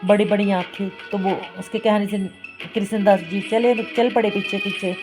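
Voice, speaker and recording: A woman's voice: medium pitch, fairly even intonation, moderate pace. Lady telling a devotional tale, plain repetitive storytelling, music playing under. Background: instrumental music.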